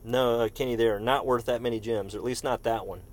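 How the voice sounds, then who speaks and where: A man's voice: medium pitch, fairly even intonation, fast. A man giving casual live-stream commentary while playing a game, chatting with viewers by name and breaking off now and then to cough. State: coughing fits. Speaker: gaming streamer.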